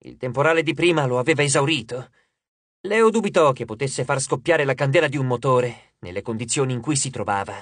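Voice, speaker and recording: A man narrating an audiobook in a lively, dramatic storytelling manner on a studio microphone. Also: mid-range voice, brisk, dry recording.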